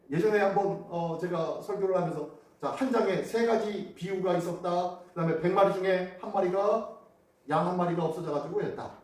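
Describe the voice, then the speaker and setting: A man preaching a sermon as pastor, often putting questions to the congregation. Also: high voice. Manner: animated, asks the congregation questions. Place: church sanctuary. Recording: echoey church hall, mic off at a distance.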